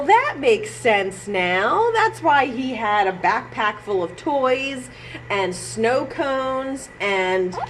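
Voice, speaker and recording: A high-voiced woman hosts a children's storytime at the library, with a read-aloud and sing-along directed straight at her young audience. She comes across as playful and animated, though the recording is low-quality and noisy.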